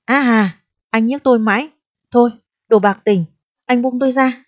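At a moderate pace and in a natural voice, a woman gives voice to a distressed, proud girl of eighteen who is pregnant, pleading and reproaching and growing shrill when upset. It comes from a storybook reading, and the recording sounds dull and dry.

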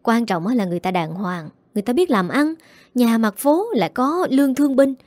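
A woman voicing a sharp-tongued young female friend who urges bluntly and briskly. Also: fairly high pitch, lively intonation, no echo, natural voice. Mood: urging. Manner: brisk, pushy urging.

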